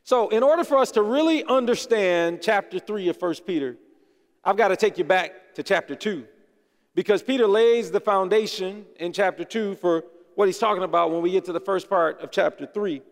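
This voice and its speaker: A high-voiced man preaches in a casual, conversational way, teasing his congregation now and then. His voice rings out with a long reverb from the church hall. He sounds like a pastor at ease at the pulpit. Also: moderate pace. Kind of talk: sermon. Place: church sanctuary.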